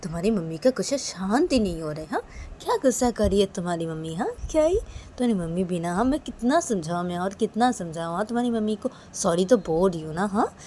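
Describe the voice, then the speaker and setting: A woman's voice: mid-range voice, expressive, quick pace, dark tone, a little hiss or hum, lightly acted. A woman voicing a playful young woman who pleads and teases with repeated tag questions, in a storybook tale. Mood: wheedling. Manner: pleading, repeats "what is it?" and "haan?".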